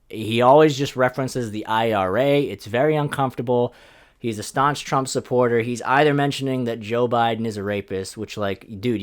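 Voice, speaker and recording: A young man hosting a solo comedy podcast, rambling and sardonic, swearing freely. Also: fairly low pitch. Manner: sardonic, rambling, profane, jumps between loud mock voices and mumbles. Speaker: podcast host.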